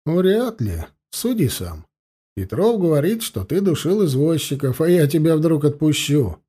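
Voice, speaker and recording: A man playing a calm, shrewd police investigator. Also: a little high, measured pace, breathy edge, heavily acted. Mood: coaxing. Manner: calm, coaxing, ironic.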